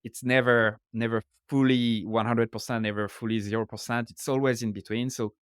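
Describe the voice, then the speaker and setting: Here a French author on a podcast explains ideas casually in interview talk, speaking accented English as a second language and regularly checking in with "right?". His mid-range male voice is flat in delivery and fairly quick, with a clean tone in a dry, studio-quality recording.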